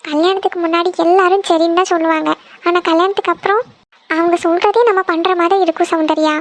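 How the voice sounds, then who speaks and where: A woman's voice: very high voice, steady tone, fast. A woman voicing a practical, outspoken young woman friend in a cartoon, giving blunt advice. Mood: advising. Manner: scolding, advising. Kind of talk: cartoon voice acting.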